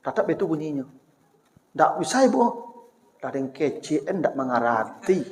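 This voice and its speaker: A man preaching with a Minangkabau accent, his high voice swooping up and down as he teases his listeners. His sermon rings through a large echoing hall with a long reverb tail. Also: normal speed. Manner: lively and teasing, acts out everyday exchanges. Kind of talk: lecture-style sermon.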